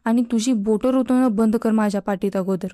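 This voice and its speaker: A woman's voice: fairly high pitch, steady tone, brisk, dark tone, no room sound, studio quality, lightly acted. A woman voicing an irritated young male college student who keeps complaining, in a spoken storybook. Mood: annoyed.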